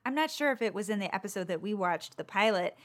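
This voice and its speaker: A woman's voice: medium pitch, animated, fast. A woman co-hosting a podcast, chatting casually about a TV show with rambling, self-deprecating asides. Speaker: podcast co-host.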